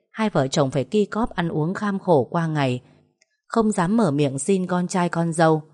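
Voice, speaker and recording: A woman with a lowish voice narrates a story at a steady, measured pace. Her delivery is even and plainly told, like an audiobook.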